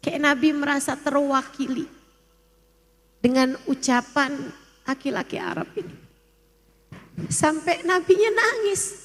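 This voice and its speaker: A woman's voice: high-pitched, steady tone, a little slow, pauses often. A woman preacher delivering an impassioned religious sermon, acting out quoted prayers.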